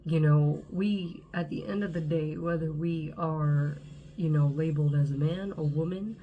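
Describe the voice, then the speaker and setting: A congested twenty-something woman from Southern California hosts her channel, chatting to camera at a moderate pace in a low voice. She keeps checking in with "okay?" and uses plenty of fillers. The sound is lo-fi, with a little hiss or hum.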